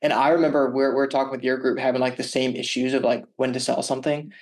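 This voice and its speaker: A man's voice: mid-range voice, flat delivery, fast, darkish tone. A young man with a boyish-sounding voice, hosting a podcast in a casual, chatty interview style. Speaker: podcast host.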